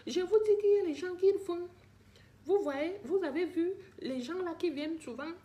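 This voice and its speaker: A woman's voice: extremely high pitch, moderate pace, warm tone. An older woman ranting emotionally to her live-stream viewers, pleading and repeating herself as she talks straight to them. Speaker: livestreamer addressing viewers.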